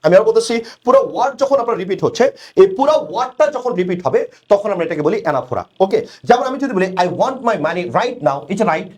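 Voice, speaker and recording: A man's voice: high voice, animated, fast talker, hardly any pauses, a little mellow. A young man giving an exam-prep lecture, repeating each point and answering his own questions. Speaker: English tutor.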